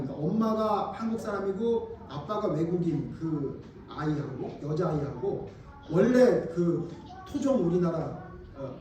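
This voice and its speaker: High-voiced pastor in an echoey hall. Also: male voice, warm tone. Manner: emphatic, questions the congregation, colloquial. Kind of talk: sermon. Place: church sanctuary. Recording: very echoey hall, mic far off.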